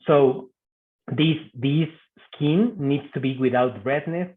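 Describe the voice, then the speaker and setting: A physician from Mexico, appearing as a guest speaker, gives an online medical talk in English with a Mexican Spanish accent and a medium-pitched voice. His delivery is halting, with many fillers and repeated words, and the video call audio sounds tinny and phone-like.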